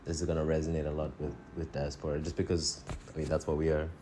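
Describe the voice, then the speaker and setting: A man's voice: rumbling low, completely flat delivery, fast, mellow, slight background noise. A man from Tanzania co-hosting a casual podcast over a phone, rambling, restarting his sentences and chuckling between thoughts. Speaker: podcast co-host.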